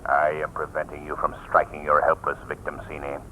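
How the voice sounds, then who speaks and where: An actor playing a mysterious unseen avenger, stern and mocking, with theatrical declamation in 1940s radio style. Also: male voice, rumbling low, completely flat delivery, a little fast, sharp tone, a little hiss or hum. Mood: menacing, calm. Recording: old tinny radio recording.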